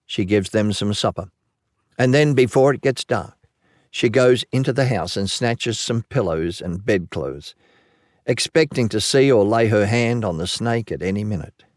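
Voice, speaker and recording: A man with a fairly low voice reads a classic story aloud, leaning on vivid phrases and slowing down for effect. The sound is close and dry, with no room around it. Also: no echo. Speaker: narrator. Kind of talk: dramatic story reading.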